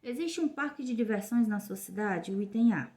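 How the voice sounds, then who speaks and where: A woman with a Brazilian Portuguese accent, an English teacher giving a recorded lesson to children, who explains slowly and clearly and switches between Portuguese and English. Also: mid-range voice, animated, warm tone.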